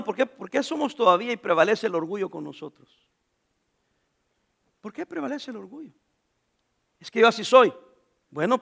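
High-pitched bright male preacher. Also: creaky. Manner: animated preaching, calls out to the congregation; reads scripture slowly with the congregation. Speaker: pastor. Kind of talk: sermon.

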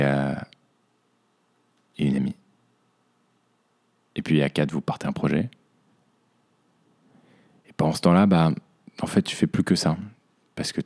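A young man with a very deep, gravelly voice and a dark, mellow tone. He hosts a podcast in a reflective personal monologue and looks back on hard months. He speaks to himself as "you". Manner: introspective, addresses himself as "tu". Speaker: podcast host.

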